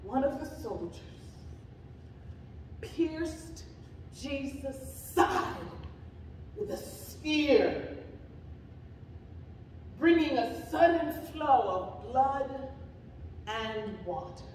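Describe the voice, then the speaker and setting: A woman pastor giving a slow, deliberate, dramatic reading of scripture during a sermon. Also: sits high, expressive, slight background noise. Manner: slow, deliberate reading with shouted cries for emphasis. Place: church sanctuary. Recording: echoey church hall from far off.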